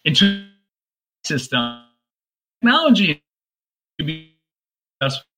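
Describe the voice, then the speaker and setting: Male webinar presenter, halting delivery, very bright tone, heard through a choppy, glitchy call connection that keeps breaking up. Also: fairly high pitch, very animated, faint music behind. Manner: halting, with frequent fillers. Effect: choppy, breaking-up online call audio. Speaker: franchise presenter.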